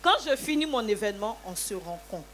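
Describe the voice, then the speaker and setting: A woman giving a lively church testimony, telling her story with many hallelujahs. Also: medium pitch, fairly quick, a little hiss or hum.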